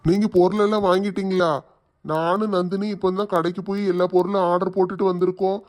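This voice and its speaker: A man acting in a family comedy skit, arguing quickly. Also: sits high, level tone, a little mellow. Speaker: son and shopkeeper in a family skit.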